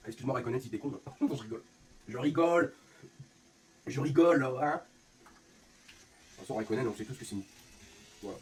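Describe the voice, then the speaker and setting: Swearing constantly and talking in a rapid, animated way, a feverish French streamer and league organizer from the north unleashes an angry rant on his live stream. His mid-range voice is recorded from a distance, off-mic, with faint room ambience and a little hiss or hum.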